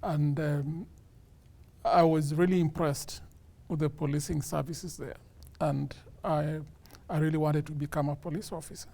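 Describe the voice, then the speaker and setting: A man from Kenya, a police sergeant, speaking in a measured way with many pauses and fillers in an interview. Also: fairly high pitch, level tone, gravelly, dark tone. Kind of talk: casual interview talk.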